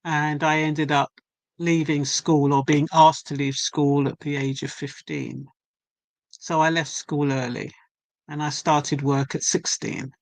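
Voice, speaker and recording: A woman's voice: low-pitched, level tone, dry recording. Older woman, reflective, dry sound. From England. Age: 70s. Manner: measured, reflective storytelling. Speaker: guest poet and author. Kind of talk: casual chat.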